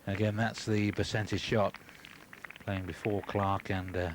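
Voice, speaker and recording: A man giving live golf commentary in an understated, measured, conversational way over outdoor course ambience. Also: on the low side, level tone. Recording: broadcast with clear background noise.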